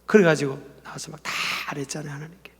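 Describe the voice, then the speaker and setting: Male pastor, high and gravelly, animated sermon delivery in a reverberant sanctuary. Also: quick pace. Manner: animated preaching, acting out quoted prayers and dialogue. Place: church sanctuary.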